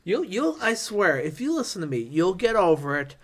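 Male podcast co-host, somewhat high voice, rambling and excitable, laughs nervously through stories. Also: moderate pace. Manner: rambling, animated, laughs nervously while reading. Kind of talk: casual podcast chat.

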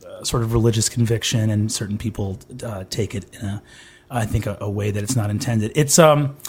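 A man's voice: fairly low pitch, steady tone, fairly quick, darkish tone, slight background noise. A young man from upstate New York telling a personal story casually as a podcast guest, hesitant and self-qualifying. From upstate New York, USA.

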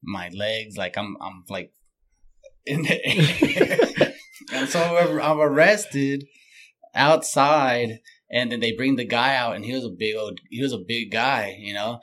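A man in his late thirties spins stories in an easygoing way. His voice sits at a medium pitch and he often laughs mid-sentence. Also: slow, fairly bright tone. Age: 30s. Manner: laid-back storyteller, laughs often. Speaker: podcast regular. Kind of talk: casual chat.

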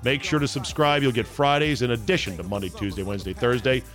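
A man's voice: medium pitch, fast, fairly bright tone, faint music behind. An American man hosting a podcast, ranting casually with blunt, sarcastic, sweary opinions. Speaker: podcast host. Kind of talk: opinionated solo rant, casual.

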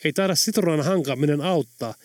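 A man's voice: on the high side, darkish tone, no room sound, studio quality, close to an everyday voice. Audiobook role: wry, teasing man, voiced by the male narrator, a bit raised. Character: adult man, teasing and grinning.

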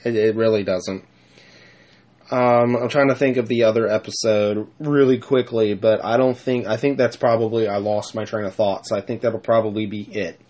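A man's voice: on the low side, fairly even intonation, normal speed, a little mellow. A young man hosting his own podcast, rambling casually through an outro with frequent giggles and self-corrections into a home mic. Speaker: podcast host.

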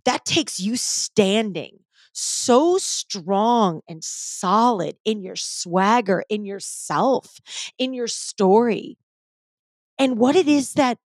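A woman's voice: mid-range voice, expressive, dry recording. Emphatic woman podcaster, dry close sound. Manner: emphatic, with slang and swearing; pauses between short, repeated phrases for emphasis. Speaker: podcast host. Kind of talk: motivational solo podcast talk.

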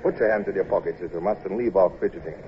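An actor playing a measured naval commodore who also narrates, in a crisp, dry, reflective manner, in old radio drama style. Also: male voice, low-pitched, natural voice. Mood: commanding. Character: commanding British naval commodore, measured and wry. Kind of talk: 1950s radio drama acting. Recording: dull old radio recording with faint hiss.

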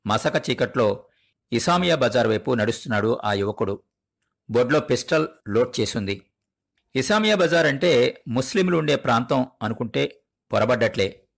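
A man hosting an audio story show, reading a short story in a measured, deliberate way with long pauses. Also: mid-range voice, animated, gravelly. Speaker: storyteller host. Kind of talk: dramatic story narration.

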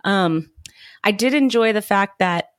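A woman's voice: mid-range voice, a little slow, no echo, studio quality. A woman co-hosting a podcast, chatting casually and animatedly about a TV episode. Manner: chatty, animated, quotes characters in voices. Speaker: podcast co-host. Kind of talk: casual chat.

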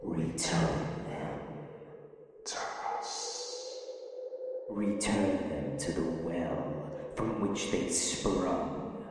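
A man voicing a hungry, sinister non-human entity that chants in slow, ominous whispers. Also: low voice. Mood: menacing. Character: hungry sinister male entity, ancient and menacing. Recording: cavernous echo from far off.

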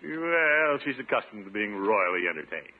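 Pompous old-radio uncle, swooping delivery. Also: male voice, fairly low pitch, very animated. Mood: self-satisfied. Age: middle-aged. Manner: pompous, hearty, with drawn-out hesitations. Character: boastful, jovial middle-aged uncle, a smooth-talking ladies' man. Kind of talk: 1950s radio comedy acting. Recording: old radio recording, narrow band, hissy.

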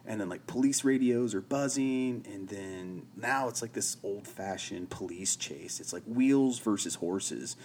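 Recapping a TV episode for his podcast, a man talks in a lowish, slightly mellow voice, unhurried yet with few pauses. Plenty of "like" and "you know" fill his loose delivery, and faint hiss or hum is audible.

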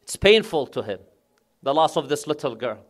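A male preacher tells a devotional story with an earnest, emotional delivery. His voice sits a little higher than most men's. He weaves devotional phrases into the telling. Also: sing-song, moderate pace.

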